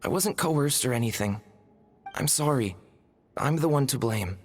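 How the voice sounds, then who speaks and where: A man's voice: mid-range voice, animated, measured pace, faint music behind. An actor playing a timid, guilt-ridden young man in a video game, earnest and stammering. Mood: ashamed, earnest.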